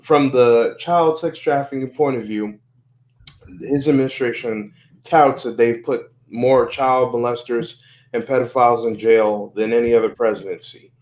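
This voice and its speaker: A man's voice: mid-range voice, fairly even intonation, normal speed, a little mellow. Earnest man in casual podcast talk. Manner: earnest, repeats and restarts phrases, swears.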